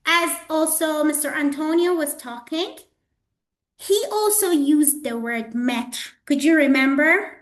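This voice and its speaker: A woman's voice: high-pitched, slow pace, reverberant. A woman trainer lecturing students in a classroom, repeating herself and checking in with "okay?" and "guys". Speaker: hospitality trainer.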